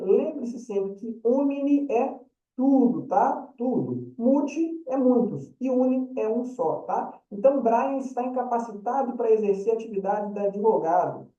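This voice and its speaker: A man's voice: very high-pitched, dark tone. Brief: male lawyer-lecturer, conversational, distant dull-sounding recording. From Brazil. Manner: chatty, keeps checking in with the audience. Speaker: lawyer teaching a short course. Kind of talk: informal lecture. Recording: dull, roomy, distant mic.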